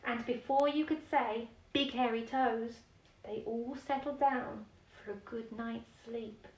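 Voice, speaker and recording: A woman with a slightly high, steady-toned voice reads a children's picture book slowly as a bedtime story. Expressive in her reading, she adds chatty explanations and questions for young listeners. The audio is roomy and echoey, picked up from a distance.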